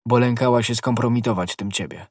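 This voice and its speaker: A man voicing a bold, knowing young guardsman who speaks briskly and gives orders, in a husky voice. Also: medium pitch, no echo, studio quality, close to an everyday voice.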